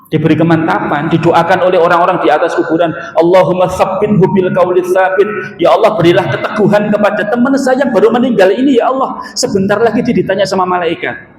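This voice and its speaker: Animated preacher in an echoey hall. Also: male voice. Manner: animated, acts out quoted voices with sudden high pitch jumps. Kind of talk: sermon. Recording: echoey hall, faint background noise.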